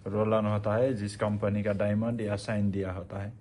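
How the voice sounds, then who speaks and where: Low-voiced mechanic. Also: male voice, little pitch movement, moderate pace, darkish tone. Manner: explains parts step by step while working. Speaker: motorcycle mechanic. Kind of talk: casual workshop explanation. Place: motorcycle repair workshop. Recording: noisy workshop.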